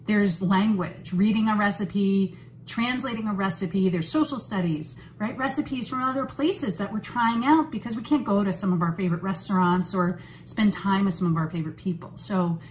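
A woman in her thirties talks to camera in her kitchen for a home vlog, relaxed and chatty, with lots of "you know" fillers. Her mid-range voice runs at normal speed, and the low-quality recording, made at arm's length on a phone or webcam, carries a little hiss or hum.

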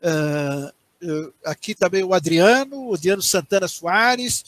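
A man's voice: high voice, unhurried, fairly bright tone, no echo. A man in his sixties with a Brazilian Portuguese accent, a university professor giving an online lecture and answering questions. He explains patiently and checks in often with the listeners. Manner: explanatory, tags phrases with "certo?" and "né?", frequent restarts. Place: small home study with bookshelves, indoors. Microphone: headset on a video call.

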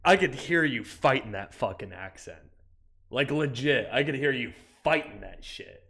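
A young male streamer talks casually from a small room, swearing, getting excited, and erupting loudly at times. His mid-range voice is husky with vocal fry, moving at a moderate pace.

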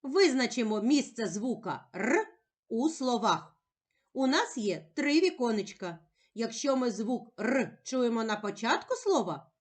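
A woman teacher giving a slow, clear reading lesson to young children, stretching out the sounds in a sing-song way. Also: fairly high pitch. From Ukraine.

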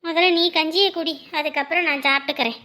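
A woman's voice: high voice, fairly even intonation, fast, noisy background. A woman, chatting and scolding in a neighbourly skit. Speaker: performer voicing village women. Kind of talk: village comedy skit dialogue.

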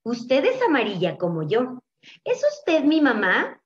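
A woman's voice: sits high, huge pitch swings, a little slow, muffled recording, heavily acted. A woman voicing a tiny, lonely boy chick searching for a mother, with an eager, pleading manner.

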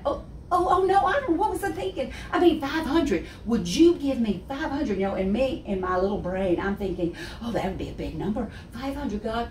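As a guest speaker on a wood-panelled office set furnished with armchairs, a sixtyish woman from Texas shares her faith story in a thick Texan accent and a slightly high voice. She's expressive, gesturing nonstop and laughing a lot, in a roomy, distant recording with faint hiss.

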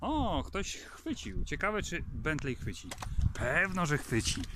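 A man's voice: on the high side, very animated, takes it slowly, pushed and bright, slight background noise. A man on a farm coaxing his dogs, calling them by name and giving them commands while he feeds them. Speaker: dog owner feeding his dogs. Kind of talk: casual talk while feeding dogs. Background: dogs and clicks.

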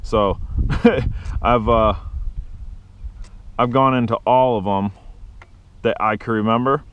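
A man casually narrating a drone flight review outdoors in an open field, rambling as he flies. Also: mid-range voice. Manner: rambling, talks while flying. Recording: loud wind noise outdoors. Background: loud wind and outdoor noise.

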